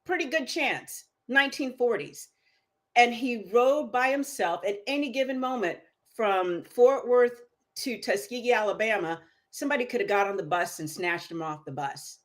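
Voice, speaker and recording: Woman, middle-aged, interview guest, animated storyteller. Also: fairly high pitch, normal speed. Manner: lively storyteller, voice rises with excitement.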